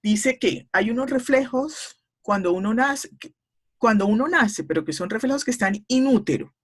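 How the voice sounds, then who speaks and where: A middle-aged woman speech therapist, a guest in an interview, explaining in a measured, teacherly way with frequent hesitation fillers. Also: on the high side, animated, breathy edge.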